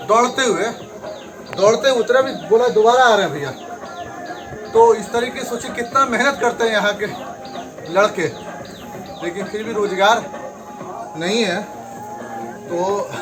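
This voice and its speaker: Chatty man on a hill trek. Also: sits high. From Bihar, India. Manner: chatty, encouraging, talks while hiking uphill. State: slightly out of breath. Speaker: trekking vlogger. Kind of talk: casual chat while trekking. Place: outdoors on a hill path. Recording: music playing underneath.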